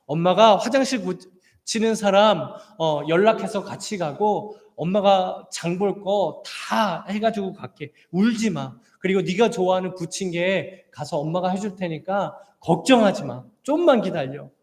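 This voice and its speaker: A man's voice: high voice, animated, unhurried, darkish tone. A man voicing a worried, kind middle-aged mother who speaks in a reassuring, urgent way. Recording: long church hall reverb.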